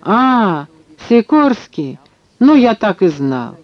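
A man's voice: high-pitched, very animated, slow pace, no room sound, muffled recording, voice pushed up, exaggerated voice. A man voicing a jittery, fussy old male historian who yelps and shrieks in an audiobook. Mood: shrill. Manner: yelping, fussy.

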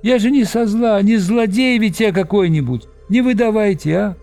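A man's voice: high voice, normal speed, a little mellow, soft background music, voice pushed up. Man doing a whimpering young deserter soldier. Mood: tearful pleading. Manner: whimpering, sniffling plea. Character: frightened young male deserter soldier, tearful and pleading.

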